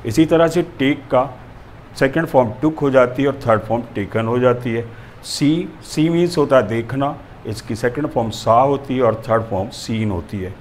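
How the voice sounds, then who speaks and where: A man's voice: medium pitch, moderate pace, a little hiss or hum. A male teacher explaining a grammar lesson, methodical and going through examples step by step.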